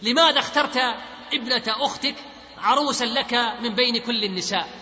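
A man's voice: very high-pitched, brisk, pushed and bright, a little hiss or hum, full character voice. Probing talk-show host, read by a man. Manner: questioning, read out plainly. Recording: echoey hall, dull lo-fi.

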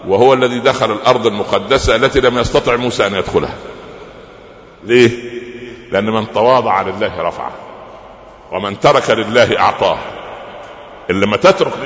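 Heard in a lo-fi recording from an echoey hall with faint noise, this man preaches a sermon lecture in an Egyptian Arabic accent. His fairly bright, mid-range voice carries stories laced with rhetorical questions and humorous asides.

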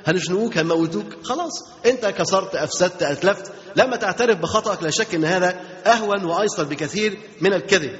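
Speaking quickly in a fairly high, slightly bright voice, a man with an Egyptian Arabic accent delivers an Islamic religious lesson. He keeps posing rhetorical questions to his listeners and repeating key phrases for emphasis. The dull, lo-fi recording carries a long hall reverb.

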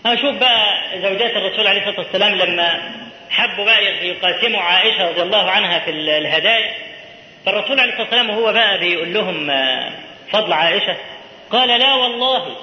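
Fast, high-voiced Egyptian preacher in a hall. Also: male voice. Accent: Egyptian Arabic. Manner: explains by asking questions and answering himself, repeats key phrases. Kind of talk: religious lesson. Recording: muffled echoey hall recording.

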